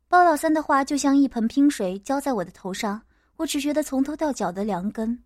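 A woman narrating a first-person story in a steady audiobook manner. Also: high voice, fairly quick, no room sound, studio quality.

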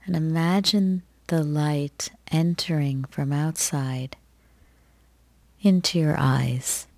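A woman leads a guided meditation in a low, mellow voice. She speaks very slowly and gently, leaving long pauses between soft, soothing phrases. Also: fairly even intonation, no room sound.

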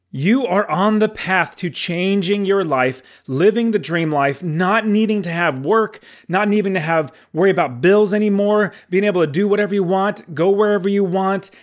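Energetic forty-year-old male podcast host. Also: sits high. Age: 40s. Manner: enthusiastic, energetic and encouraging, with fillers and restarts. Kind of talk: upbeat podcast monologue.

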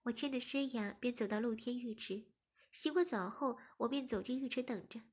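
A woman reading a story aloud in soft, even scripted narration. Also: a little high, normal speed, breathy edge. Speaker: story reader.

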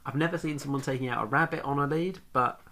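A man's voice: medium pitch, fast talker, sharp tone, a little hiss or hum. A British man co-hosting a podcast, chatting and telling anecdotes in a teasing, wry way. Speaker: podcast co-host. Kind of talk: casual banter and anecdotes.

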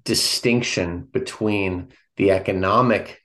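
A man co-hosting a philosophy podcast, talking casually and haltingly, often restarting his sentences as he thinks aloud. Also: low voice, a bit bright. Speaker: podcast co-host.

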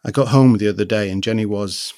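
A man's voice: fairly low pitch, a little fast, darkish tone, no room sound, clean studio sound, natural voice. A man reading as a worried young father. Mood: troubled.

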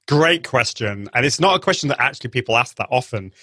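This man talks fast with lively intonation, his mid-range trained singing voice pushed, bright and slightly rough in a dry recording. He's a live video trainer giving an enthusiastic call interview, restarting his sentences many times.

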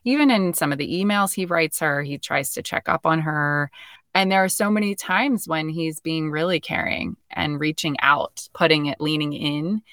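A young woman co-hosting a casual book discussion, relaxed and thoughtful as she talks through a novel. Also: sits low, moderate pace, dry recording, studio quality. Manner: relaxed, thoughtful, reads passages aloud. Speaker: podcast co-host.

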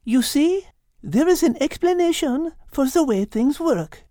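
A woman's voice: high-pitched, animated, unhurried, dark tone, no room sound, clean studio sound, pitched above the performer's own voice. A woman voicing an encouraging female teacher with a put-on French accent who drops French words into her explanations. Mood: enthusiastic.

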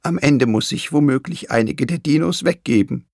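A man voicing a kindly, caring older grandmother in a storybook reading, gentle and sighing. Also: mid-range voice, lively intonation, moderate pace, dry recording, clean studio sound, natural voice. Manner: gentle, warm-hearted, sometimes sighing.

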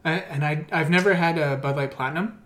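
A man with a slightly raised pitch chats easily with friends on a casual podcast. He keeps a relaxed, friendly manner. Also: brisk. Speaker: podcast co-host. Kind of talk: casual chat.

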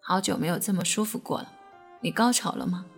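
A woman's voice: mid-range voice, a little fast, husky, faint music behind. A woman voicing a pleased, boastful adult male lover in a read-aloud intimate story. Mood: boastful tender.

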